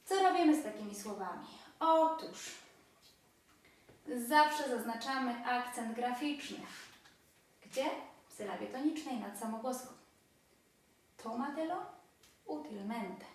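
A fairly high-pitched woman teaches a language lesson, counting syllables aloud and drawing out the example words. Her voice rings through a very echoey room. She sits some distance from the microphone. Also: expressive, measured pace, pauses often, a little hiss or hum. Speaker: Spanish teacher. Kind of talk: explanatory lesson.

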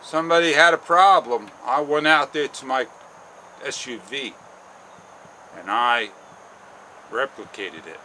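A man in his forties vlogging outdoors, rambling slowly and haltingly with frustration, on a clip-on mic. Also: mid-range voice, pushed and bright, a little hiss or hum. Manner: slow, halting, frustrated rambling with long pauses. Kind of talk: casual walk-and-talk vlog. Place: outdoors on a sunny garden patio and paths. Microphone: small wireless clip-on mic.

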